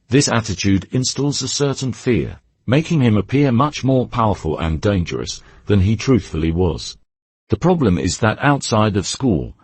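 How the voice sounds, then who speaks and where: A man reading a novel aloud in steady, descriptive narration. His voice sits fairly low and sounds husky, and his pitch rises and falls a lot. The recording is dry and close, with no room sound. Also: no echo. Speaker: audiobook narrator.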